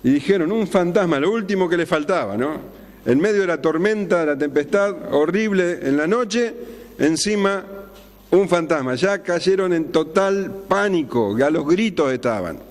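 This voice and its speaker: A man preaching an expository sermon, slowing down and dropping low on key words for drama. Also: animated. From Argentina. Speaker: pastor. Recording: long hall reverb.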